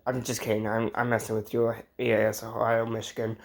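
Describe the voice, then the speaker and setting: A mid-pitched American hobbyist, filming an unscripted vlog in his bedroom, shows off his radio collection in casual chat that wanders into side remarks and jokes. His delivery is completely flat, a little fast and creaky, and he's easily sidetracked.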